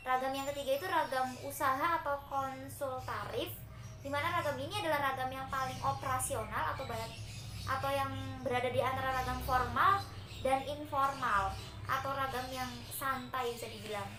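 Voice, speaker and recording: Speaking fairly quickly in a high voice, this young adult university student from Central Java, Indonesia, gives a step-by-step class presentation, often filling pauses with hesitation sounds. The audio is roomy and the background is noisy.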